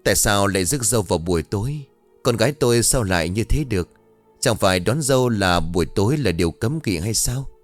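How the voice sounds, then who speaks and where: A man's voice: lowish voice, lively intonation, fairly quick, soft background music, close to an everyday voice. A man voicing a stern, frustrated middle-aged father who scolds and protests indignantly.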